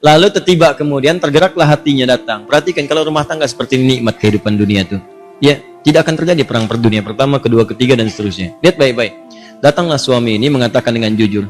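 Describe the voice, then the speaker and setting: A man preaching a storytelling sermon in a lively way, voicing the characters and asking the congregation questions. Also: fast, faint music behind. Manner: lively, jumps to high voices for characters, asks the audience questions.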